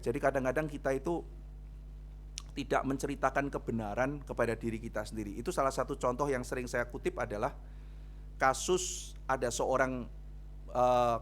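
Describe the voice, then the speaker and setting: A male pastor preaching a sermon at a church youth service, in a lively storytelling manner that keeps turning to address his listeners directly. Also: medium pitch, a little hiss or hum. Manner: animated storytelling, often addressing listeners as brothers and sisters.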